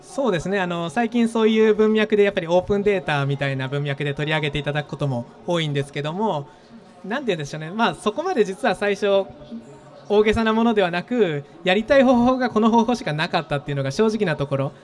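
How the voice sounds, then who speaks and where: A startup founder in his thirties from Gifu, Japan, is interviewed on an expo stage, speaking into a handheld mic. His voice sits high, and he talks quickly and thoughtfully with many fillers.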